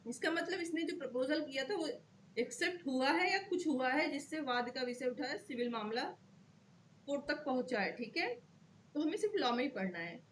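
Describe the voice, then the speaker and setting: Woman law tutor, fairly high voice, patient step-by-step lecture, keeps checking "okay". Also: expressive, moderate pace, slight background noise. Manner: checks in often with "okay", repeats key terms. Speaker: law teacher. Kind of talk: explanatory lecture to students.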